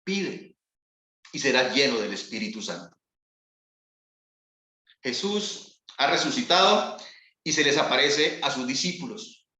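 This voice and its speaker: Slow, bright-voiced preaching man. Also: medium pitch, expressive, roomy sound. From Colombia. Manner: slow, solemn, with long pauses. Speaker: pastor. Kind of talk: sermon.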